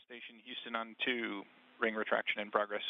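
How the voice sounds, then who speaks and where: Gravelly guy on crackly space radio, terse callouts, muffled lo-fi sound. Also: lowish voice, little pitch movement, a little fast, no echo. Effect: crackly space-to-ground radio link. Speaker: mission control radio voice. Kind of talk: clipped radio calls. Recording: lo-fi radio relay from a distance.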